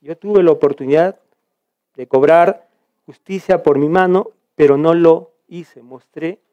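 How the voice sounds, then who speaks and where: A man's voice: a little high, a little slow, dry recording, muffled recording. A man from Peru leading a church Bible study, reading scripture aloud and explaining it with frequent restarts.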